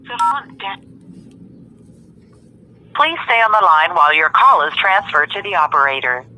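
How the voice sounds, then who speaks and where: Bright, crisp automated phone greeting. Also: mid-range voice, big pitch swings, moderate pace. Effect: recorded automated phone greeting. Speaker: phone menu and voicemail greeting. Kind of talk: formal recorded announcement.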